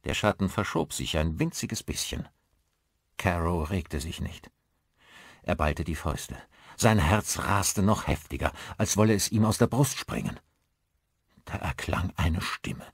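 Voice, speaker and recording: A man's voice: sits low, unhurried, husky, dry recording, studio quality. A man narrating a horror audiobook in a dramatic, suspenseful storytelling manner. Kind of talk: scripted narration.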